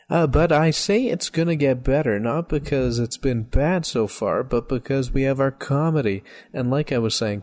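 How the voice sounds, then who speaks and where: A man hosts a radio variety hour in a relaxed, chatty way, rambling a little as he introduces the next act. His voice sits at an ordinary middle pitch. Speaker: radio show host. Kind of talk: casual radio hosting.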